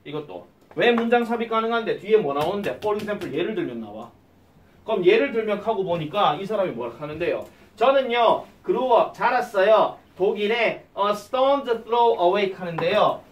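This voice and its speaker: A male English teacher, giving an exam-prep lecture and quizzing his students with quick questions. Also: sits high, expressive, roomy sound, distant mic, a little hiss or hum.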